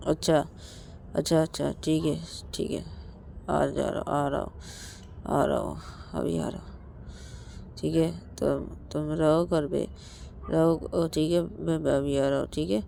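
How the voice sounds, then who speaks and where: A woman's voice: sits low, steady tone, a little slow, gravelly, long pauses, dark tone, a little hiss or hum, full character voice. A woman doing a stammering drunk young man. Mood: pleading. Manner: hesitant, stammering, pleading. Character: drunk young man pleading with his boyfriend.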